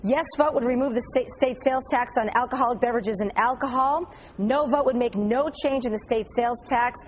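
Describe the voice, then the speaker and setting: A woman with a Boston accent moderating a televised debate, asking brisk, prodding questions. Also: fairly high pitch, dull audio, a little hiss or hum. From Boston area.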